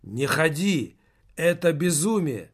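A frantic male office worker shouts his warnings in a raised, strained voice, as a male audiobook reader puts him on. He pleads in a high, urgent register. The delivery stays slow and deliberate even at its loudest. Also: husky, full character voice. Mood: alarmed pleading.

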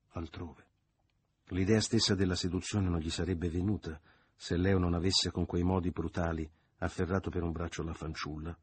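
Low husky man narrating a novel. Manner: measured, dramatic, sinking to quiet at times. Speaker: audiobook reader.

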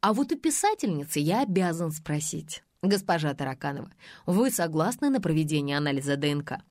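Woman reading a calm, formal male investigator. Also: low-pitched, fairly quick, no room sound, clean studio sound.

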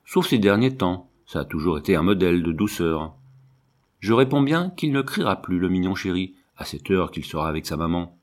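A man's voice: low voice, big pitch swings, normal speed. A man voicing a blunt, plain-spoken peasant wet nurse in a read-aloud novel. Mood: fond.

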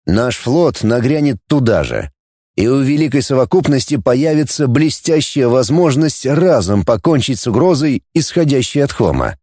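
A man's voice: medium pitch, sing-song, moderate pace, dark tone, no echo, clean studio sound. A man voicing a scheming fleet commander. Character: male supreme coordinator, scheming and commanding.

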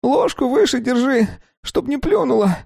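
A man voicing a reckless young male addict, a cocky hustler with a high, brash voice. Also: big pitch swings, moderate pace, gravelly, darkish tone, husky, no room sound, clean studio sound, heavily acted. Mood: scheming.

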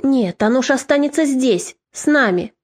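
A woman's voice: high-pitched, lively intonation, a little slow. A woman doing a fierce old grandmother. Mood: indignant.

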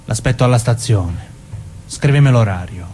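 A man playing a menacing, controlling criminal ex-husband in a radio drama, husky-voiced, insistent and coaxing in colloquial speech. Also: on the low side, expressive, moderate pace, warm tone, slight background noise, natural voice. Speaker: actor in a dramatic reading. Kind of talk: dramatic radio play dialogue.

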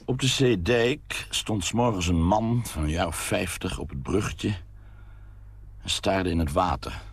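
A man reading a short story aloud in a calm, measured way. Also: low-pitched, husky, no room sound. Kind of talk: scripted narration.

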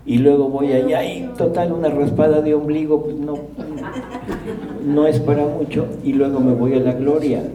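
A man's voice: fairly high pitch, level tone, moderate pace, a crowd in the background. A man preaching in a humorous, conversational way, asking the audience questions as he goes. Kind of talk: sermon with audience interaction. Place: large room with live audience. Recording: roomy hall, mic at a distance.

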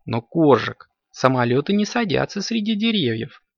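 A man voicing a calm, caring mother cat who explains things gently, on a dull lo-fi recording. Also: on the high side, moderate pace, gravelly, dry recording, pitched above the performer's own voice, exaggerated voice. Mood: gentle.

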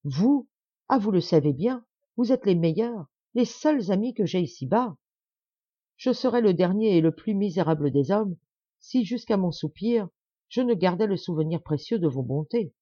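A woman's voice: mid-range voice, lively intonation, moderate pace, dark tone, husky, no echo, lo-fi sound. A woman reading the part of a proud, stubborn middle-aged man who talks with insistent, forced cheer. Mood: earnest.

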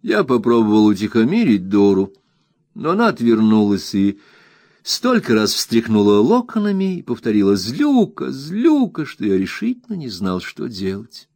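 A man narrating a classic novel in an expressive, measured storytelling voice, his pitch moving widely. The recording is dry and close, with no room echo. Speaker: audiobook narrator.

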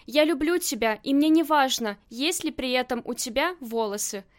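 A loving husband in an audiobook, tender with his wife and blunt with everyone else, as a woman reads him. The voice sits high and light. He barks short orders. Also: animated, normal speed. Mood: insistent. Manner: tender, then gruff and commanding. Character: adoring husband, gangland boss's man.

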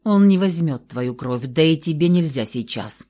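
Audiobook: a sardonic, grumbling young brother, as a woman reader puts him on, lively delivery. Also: sits low, normal speed. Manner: wry, grumbling. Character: dry, sardonic young man, protective brother. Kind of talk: audiobook role reading.

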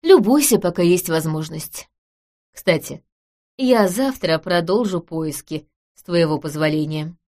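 A woman reading an audiobook, voicing a composed nobleman with a dry, wry, measured way of talking. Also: fairly low pitch, darkish tone.

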